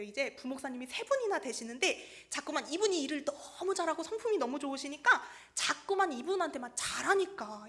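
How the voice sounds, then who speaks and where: A woman's voice: high-pitched, bright, forceful tone. A woman evangelist preaching a Sunday sermon in a church, telling a story and acting out the quoted people.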